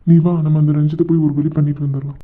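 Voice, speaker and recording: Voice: mid-range voice, flat delivery, very fast, lightly acted. A performer voicing a brash young man who argues bluntly, in a hobby drama. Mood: urgent. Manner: blunt, argumentative. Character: brash young man defending his friend. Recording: tinny phone-like recording.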